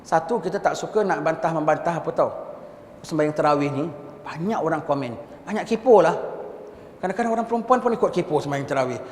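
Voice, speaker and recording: A religious teacher from Singapore with a Singaporean Malay accent gives a conversational lecture in a large mosque hall, his voice a little high. He mixes in English words and often checks on listeners with a quick "ha?". The hall is echoey, with long reverb and faint background noise.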